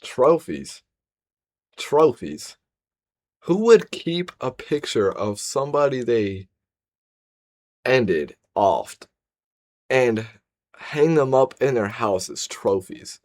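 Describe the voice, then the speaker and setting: A man's voice: mid-range voice, big pitch swings, slow, long pauses, a little mellow. A man streaming reaction commentary, incredulous and repeating himself.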